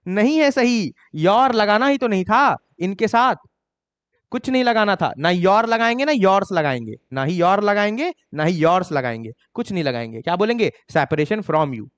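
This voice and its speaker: A man with an Indian accent teaching an exam-prep grammar lesson. He reads English examples slowly and scolds students for their mistakes. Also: expressive, smooth, big-room sound. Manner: scolding, mocks students' excuses in a higher voice.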